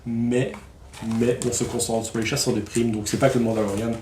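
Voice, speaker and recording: A man's voice: mid-range voice, flat delivery, a little fast, a little mellow, reverberant, slight background noise. A man casually reviewing new comic releases, enthusiastic and slangy, with lots of fillers and restarts.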